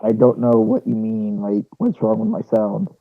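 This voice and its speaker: A man's voice: on the low side, big pitch swings, moderate pace. A man on a group voice chat, sounding muffled as if through a wall, talking casually and joking about himself through cheap earbuds while lying down at home. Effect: muffled, as if heard through a wall. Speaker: streamer on a group call. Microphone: cheap earbuds with built-in mic.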